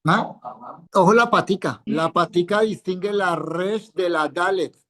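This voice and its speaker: A man's voice: sits high, a little slow, fairly bright tone. A male Hebrew teacher, giving a live classroom lesson and patiently quizzing students by name, repeating each word. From Colombia.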